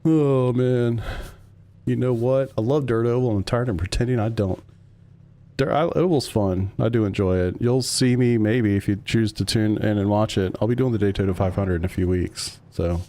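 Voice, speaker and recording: A man's voice: fairly low pitch, fairly even intonation, normal speed, dark tone. Laid-back man chatting on a racing stream. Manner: laid-back, rambling, answers chat. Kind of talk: casual live-stream chat while racing.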